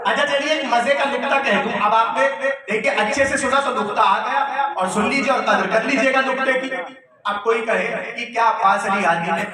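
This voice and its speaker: High-pitched guy giving a sermon, quizzing the crowd, big echoey hall, kinda far off and noisy. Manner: engaging, quizzes the audience with rhetorical questions; recites Arabic phrases, then explains them. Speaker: Shia cleric addressing a mourning gathering. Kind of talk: majlis sermon. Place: large prayer hall with a live audience. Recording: echoey hall, distant mic, background noise.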